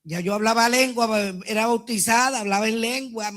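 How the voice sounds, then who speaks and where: A woman with a Puerto Rican accent giving a fervent personal testimony in a church class, swinging from hushed tones to near-shouting. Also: fairly high pitch, normal speed.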